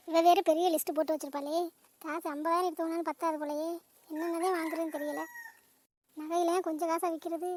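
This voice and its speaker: A woman voicing a scolding, melodramatic middle-aged mother in a cartoon family drama. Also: extremely high pitch. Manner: nagging, melodramatic.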